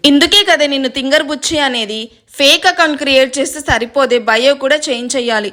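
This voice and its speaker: A woman's voice: high voice, brisk. A woman reading an audio story, voicing a joking, easygoing young man who mocks and teases. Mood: teasing. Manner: joking, mocking, calm. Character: teasing easygoing young man, brother-in-law.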